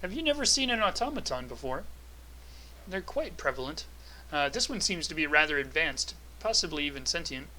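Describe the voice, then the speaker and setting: A man's voice: fairly high pitch, sing-song, fairly quick, sharp tone, a little hiss or hum, heavily acted, rough recording. A man voicing a formal, polite male automaton in a tabletop game. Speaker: game master.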